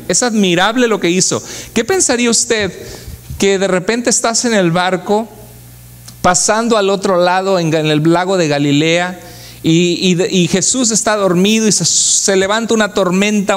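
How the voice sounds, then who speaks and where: At a moderate pace, a man with a voice a bit higher than typical for men preaches fervently from the pulpit. Like a pastor giving a church sermon, he keeps turning to the congregation with rhetorical questions.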